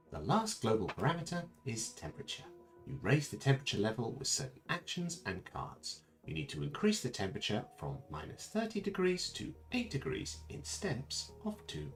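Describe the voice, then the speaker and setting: Man's creepy computer-narrator voice as the streamer puts it on, raised pitch, cold and measured. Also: gravelly, exaggerated voice. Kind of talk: reading a game tutorial aloud in character.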